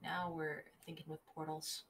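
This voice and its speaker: Chatty, lower-voiced woman player. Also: little pitch movement, moderate pace, gravelly, a bit bright, slightly rough. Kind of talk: tabletop game chat.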